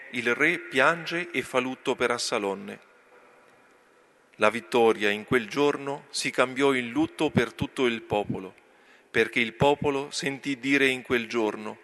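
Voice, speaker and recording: A man reading scripture aloud at Mass as lector, in a slow, deliberate reading manner. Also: medium pitch, bright, forceful tone.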